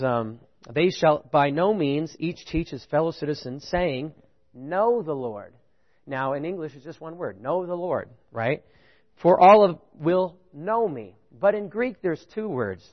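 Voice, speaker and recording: A man giving a lively sermon in a fairly high voice. He rises in pitch on his main points, checks in with the listeners and chuckles between points. The recording sounds dull and lo-fi. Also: a little slow. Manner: animated, rising pitch on key points, chuckles, asks "right?". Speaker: preacher. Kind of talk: sermon with audience participation.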